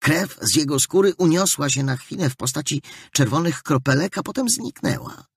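A man narrating an audiobook with expressive storytelling. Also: a little high, moderate pace, husky. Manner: expressive storytelling with a wide melody. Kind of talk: scripted narration.

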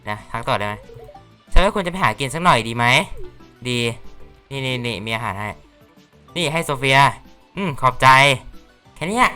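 A man's voice: mid-range voice, big pitch swings, normal speed, long pauses, bright, forceful tone, smooth, soft background music. A man casually commentating a farming game, chatty and playful, reading the characters' lines aloud. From Thailand. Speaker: gaming YouTuber. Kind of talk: casual Let's Play commentary.

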